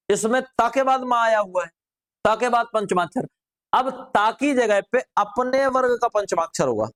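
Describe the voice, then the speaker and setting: A man in middle age with a notably high-pitched voice leads a grammar lesson. He keeps the class engaged by asking them questions and answering them himself. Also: fairly bright tone. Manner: drills students with rhetorical questions. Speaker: teacher.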